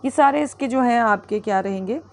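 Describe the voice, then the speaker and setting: A woman's voice: on the high side, a little fast. A woman teacher lecturing on classroom teaching skills. She switches between Hindi and English, with frequent fillers and self-corrections. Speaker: teacher educator.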